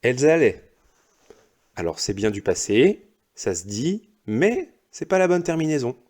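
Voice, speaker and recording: A male primary school teacher going over exercise answers slowly and patiently, one step at a time. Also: medium pitch, sing-song, darkish tone. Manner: slow, patient, explains step by step. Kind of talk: recorded lesson correcting exercises.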